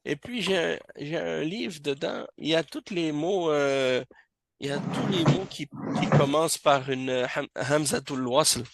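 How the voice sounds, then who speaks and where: A man teaching Arabic reading, talking slowly and patiently and repeating each word to drill it. His voice has a gravelly edge. The sound is dry and close, with no room echo. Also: on the high side. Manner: slow, patient, repeats words to drill pronunciation. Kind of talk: classroom lesson on Arabic reading. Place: mosque classroom.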